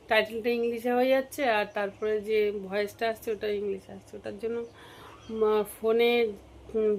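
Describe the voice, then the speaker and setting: Recorded roughly with slight background noise, a Bengali woman with a somewhat high voice vlogs for her family channel. Slightly under the weather with a cold, she talks chattily to viewers while cooking and moving about her home.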